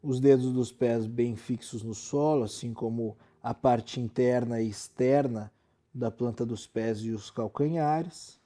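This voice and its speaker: A yoga instructor with a Brazilian accent guides a relaxation session, his medium-pitched voice a little slow. He sounds calm, soothing and gently instructive.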